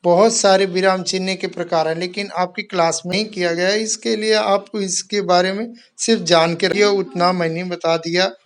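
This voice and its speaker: A man's voice: high-pitched, fairly even intonation, normal speed, hardly any pauses. A man teaching a Hindi grammar lesson to schoolchildren, explaining step by step and reading out example sentences. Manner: addresses pupils kindly as "my children".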